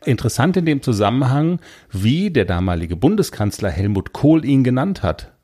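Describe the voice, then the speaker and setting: A man's voice: mid-range voice, big pitch swings, moderate pace, dark tone, husky. A man co-hosting a podcast, chatting casually and rambling through free associations. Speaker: podcast co-host. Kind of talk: casual chat.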